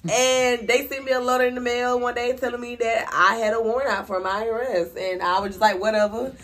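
A woman's voice: fairly high pitch, brisk. Laughing, profane young woman telling stories. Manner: laughing, profane, animated storytelling. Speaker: podcast co-host. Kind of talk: casual storytelling chat.

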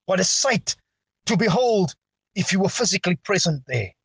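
A man preaching a sermon with a dramatic, drawn-out delivery and big swings in pitch. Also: big pitch swings, creaky, breathy edge, no echo.

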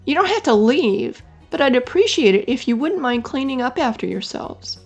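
A woman's voice: sits high, very animated, normal speed, husky, highs cut off, faint music behind, voice pushed up, full character voice. An older woman voicing a fussy male squirrel who gets easily flustered, in a storybook reading. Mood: gentle. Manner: exclaiming, put-upon, easily flustered. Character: fussy male squirrel grumbling then softening.

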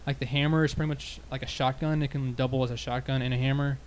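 A man's voice: medium pitch, little pitch movement, fast talker, a little hiss or hum. A man hosting a casual gaming podcast, talking loosely and joking with lots of filler words. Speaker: podcast host. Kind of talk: casual chat.

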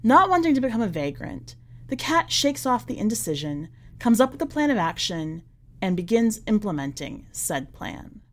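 A woman with a mid-range voice narrates a short story for a podcast. Her scripted reading is expressive, landing its points with wry, deliberate emphasis.

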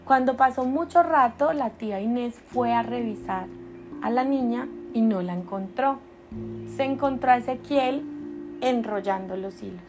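Gentle mother telling a story. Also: on the high side, unhurried, music in the background. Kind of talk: improvised bedtime storytelling. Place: bedroom, in bed.

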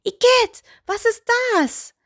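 A small, timid doll helper in a children's storybook, played by a woman. Her very high, squeaky voice leaps into shocked cries and prim protests, with lots of rise and fall. The recording is close and dry. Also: expressive, normal speed, darkish tone, no room sound. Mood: indignant. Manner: indignant, squeamish.

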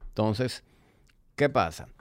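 Smooth, low-voiced man hosting a podcast. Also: lively intonation, slow pace, dry recording. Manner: explanatory, addresses the listener directly. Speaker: podcast host and fitness trainer. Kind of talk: conversational solo podcast monologue.

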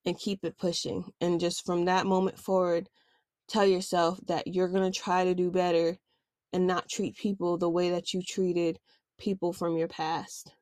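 A woman's voice: lowish voice, little pitch movement, moderate pace, a little mellow, dry recording, clean studio sound. A woman hosting a self-help podcast, talking candidly and casually with slang. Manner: candid, conversational, uses slang. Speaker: podcast host.

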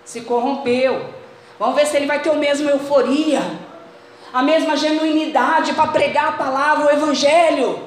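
A woman's voice: high voice, steady tone, normal speed. A woman with a Brazilian accent preaching a fervent sermon to her congregation in a church. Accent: Brazilian Portuguese. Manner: fervent, addresses congregation as brothers. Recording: very echoey church hall, faint noise.

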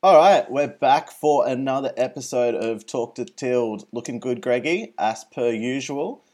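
A man's voice: medium pitch, unhurried, a little mellow. A man with an Australian accent co-hosting a podcast in casual, tongue-in-cheek banter. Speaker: podcast co-host.

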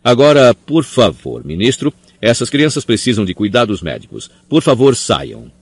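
A man's voice: medium pitch, big pitch swings, moderate pace, slightly rough, no echo, pitched above the performer's own voice. A man reading an audiobook, voicing a stern, bossy female school nurse who scolds vehemently. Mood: scolding. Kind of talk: audiobook character voice.

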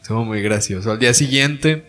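A man's voice: medium pitch, brisk, faint music behind. A young man with a Mexican Spanish accent, casually telling a story with a friend, laughing and acting out the people he quotes. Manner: laughing, animated retelling with quoted voices.

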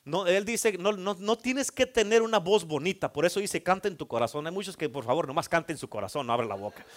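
A man's voice: high voice, expressive, fast. A man, a pastor preaching a fervent sermon that builds in intensity, with joking asides.

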